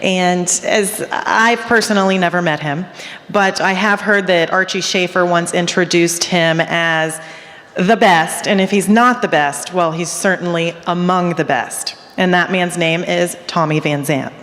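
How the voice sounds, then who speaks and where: A woman's voice: lowish voice, a little slow, fairly bright tone. A woman giving a prepared stage introduction as an event announcer. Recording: hall with long reverb.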